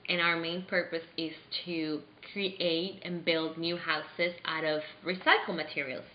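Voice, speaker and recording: Young woman from Venezuela, low voice, earnest and halting, roomy slightly dull recording. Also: flat delivery, a little hiss or hum. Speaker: interviewee playing a charity founder. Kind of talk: staged mock interview.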